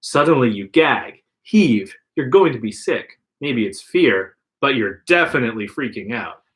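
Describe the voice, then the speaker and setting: On a livestream podcast mic, a man unhurriedly reads an interactive gamebook in a mid-range, slightly bright voice with lively intonation. He reads the narration plainly and does voices for the dialogue.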